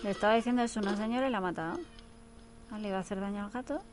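A woman's voice: medium pitch, rapid-fire, noisy background. Chatty woman commenting on a film. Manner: chatty, exclaiming, playful asides. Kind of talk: casual commentary while watching a film.

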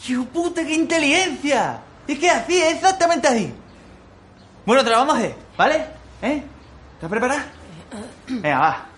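A man's voice: very high voice, expressive, normal speed, pauses often, fairly bright tone. A man playing a pompous amateur show director. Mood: excited. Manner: theatrical and wheedling.

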